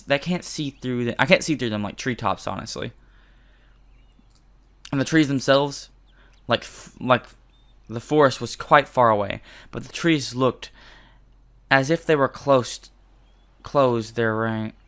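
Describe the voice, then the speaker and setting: A man's voice: mid-range voice, creaky, fairly bright tone. Give me a young guy hosting a let's play, reading game text aloud and cracking self-deprecating jokes. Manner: jokey, self-deprecating, swears casually. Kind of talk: reading a visual novel aloud with casual commentary.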